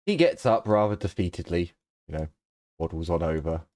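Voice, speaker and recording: A man runs a tabletop game as game master, narrating the scene at an unhurried pace and filling gaps with ums. His voice sits very low. The sound is dry and close. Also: expressive, darkish tone, no echo. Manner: unhurried narration full of um fillers.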